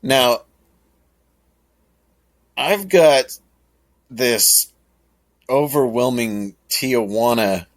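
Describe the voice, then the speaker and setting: A man hosting a podcast, talking casually in a rambling, chuckling way. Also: medium pitch. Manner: rambling, chuckling, slow and drawn out. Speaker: podcast host. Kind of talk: casual monologue.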